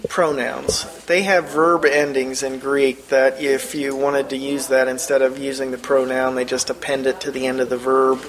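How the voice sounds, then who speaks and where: A man's voice: medium pitch, little pitch movement, moderate pace, few pauses, poor audio. A man teaching a Bible study lesson. He explains things step by step, often restarts mid-phrase, and puts questions directly to the class.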